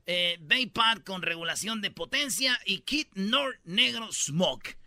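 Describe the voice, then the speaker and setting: A male comedy host with a Mexican Spanish accent rambles through slangy, joking stories. His voice is high and strikingly bright and sharp. The sound is close and dry. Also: lively intonation, slow pace, no room sound. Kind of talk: comic radio banter.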